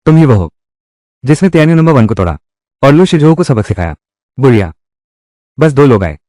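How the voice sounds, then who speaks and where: A man's voice: medium pitch, sing-song, fairly quick, dark tone, no room sound, natural voice. A man dubbing a menacing tough guy in a revenge drama, with a threatening, confrontational delivery in a close studio recording. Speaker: dubbing voice actor. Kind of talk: Hindi dub of a live-action drama.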